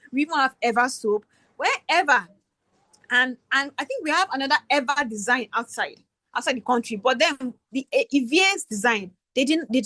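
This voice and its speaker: A woman's voice: high voice, fairly bright tone, no echo. Nigerian woman teaching a workshop, dry sound. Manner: conversational, checking in with "right?". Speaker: workshop facilitator. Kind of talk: online teaching session.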